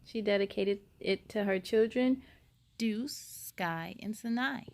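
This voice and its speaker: Hosting a children's story time, a woman with a medium-pitched voice reads aloud expressively, drawing out words and talking straight to her young listeners.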